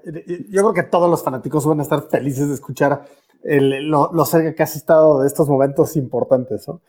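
Male host, casual interview, short reactions, mellow slightly high voice. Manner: brief reactions and questions.

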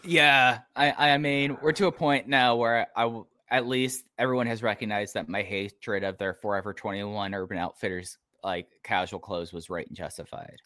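A man's voice: lowish voice, fairly even intonation, moderate pace, few pauses, pushed and bright, no room sound. A man with an Appalachian accent who co-hosts a podcast, rambling and making fun of himself in casual chat. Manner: self-deprecating, rambling. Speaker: podcast co-host.

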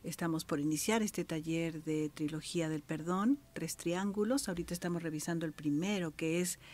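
A middle-aged Mexican woman, a thanatologist, teaching a radio workshop, swinging between soft whispered asides and bright exclamations. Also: fairly low pitch. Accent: Mexican Spanish.

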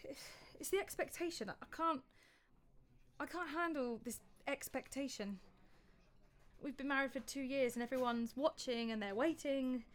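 Actress playing an uneasy young wife, high and halting, prone to stammers. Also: female voice, lightly acted. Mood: anxious, confessional. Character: anxious young wife, newly married, uneasy. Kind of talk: audio drama acting.

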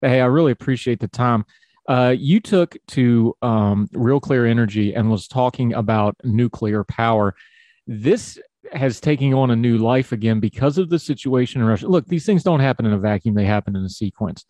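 A man's voice: medium pitch, moderate pace, darkish tone, dry recording. A man with an Appalachian hillbilly accent hosting a conversational interview in a folksy, informal manner. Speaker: talk show host.

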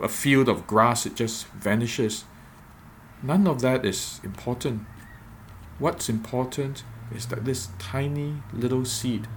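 Medium in pitch, a male preacher offers a reflective devotional podcast talk at a measured pace, with phrases repeated for emphasis. A slight hiss or hum sits under the recording.

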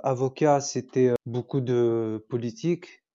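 A young Tunisian man whose first language is Arabic chats casually as a podcast guest, often hesitating while he searches for words. His voice is medium-pitched, steady, warm and a little slow, and the audio sounds dull.

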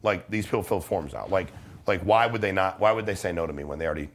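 Over slight background noise, a middle-aged man speaks fast in a low voice as a podcast interview guest who sells life insurance. His talk is casual and persuasive, blunt and emphatic, with slang and swearing.

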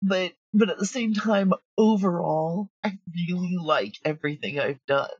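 Blunt and confident, a middle-aged audio drama writer and producer talks freely as an interview guest. Her husky, fairly low voice has a darkish tone at normal speed, recorded with no echo but dull audio.

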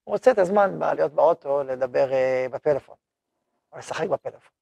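A man's voice: on the high side, gravelly, breathy edge, no echo, lo-fi sound. A man teaching a spoken religious lesson to students, telling everyday stories with acted-out dialogue and asking the class questions. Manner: animated storytelling, acting out short dialogues; asks the class questions and answers them. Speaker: yeshiva head teaching a class.

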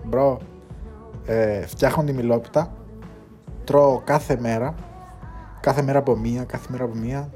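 A young man with a medium-pitched voice hosts his podcast alone, pausing often as soft music runs in the background. He keeps it casual and animated, throwing in English phrases, slang, and swear words.

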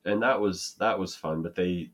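A man's voice: low-pitched, moderate pace. A man from the United States co-hosting a casual podcast chat, rambling and self-deprecating with frequent restarts. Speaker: podcast co-host.

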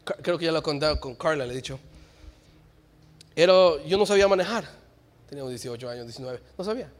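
A man preaching a sermon in church. He swings between shouted exhortation and quiet, joking asides. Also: on the high side, lively intonation, fast.

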